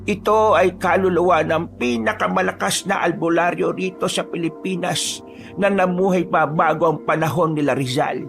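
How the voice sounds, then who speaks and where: A man voicing a wise old female village healer in a calm, knowing storytelling tone. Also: high-pitched, normal speed, creaky, soft background music, pitched above the performer's own voice. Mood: solemn. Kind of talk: storytelling voice acting.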